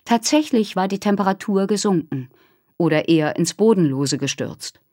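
A woman narrates a children's novel as an audiobook, reading the script in an expressive storytelling style. Her voice is medium-pitched at a normal speed, recorded in clean studio sound with no room echo.

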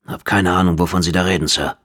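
A cheeky young soldier answers with cheerful politeness, as a male narrator puts him on. The voice stays deep and low, close to the reader's own. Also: level tone, quick pace, fairly bright tone.

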